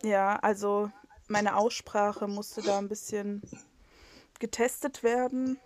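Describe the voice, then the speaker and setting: Recorded over a video call, this casual podcast chat features a young co-host from North Rhine-Westphalia, Germany, who rambles, mocks herself, and keeps restarting and using fillers. She has a mid-range voice with fairly even intonation and takes her time.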